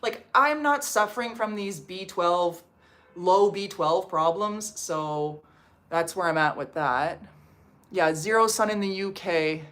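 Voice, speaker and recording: Taking her time, a Canadian livestream host speaks in a lowish, fairly bright voice from home in Portugal. She goes through viewers' comments and answers them in a chatty way, filling her speech with frequent "like"s.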